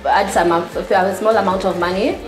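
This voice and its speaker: A woman's voice: medium pitch, steady tone, normal speed. A woman with a Kenyan accent giving casual interview answers as a guest. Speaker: guest, porridge seller. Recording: echoey room, crowd chatter behind.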